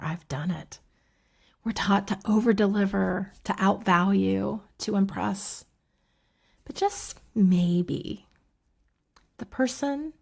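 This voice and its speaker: A somatic coach in her fifties talks through her program in a relaxed, casual manner, dropping in lots of fillers and soft asides. Her mid-range voice is gravelly with a breathy edge.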